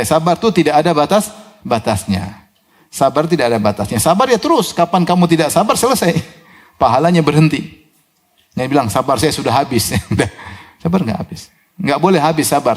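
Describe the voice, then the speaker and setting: A man delivering a sermon in an animated, storytelling way, slipping into quoted voices and chuckling now and then. His voice sits a little higher than most men's. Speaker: preacher.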